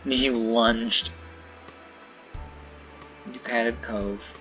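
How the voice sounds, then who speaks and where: A man reads a story game aloud in a bright, forceful voice, stopping now and then to comment on his choices. His delivery is casual and chatty. Faint game music plays in the background. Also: medium pitch, steady tone, very slow, muffled recording. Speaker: gamer reading a visual novel aloud.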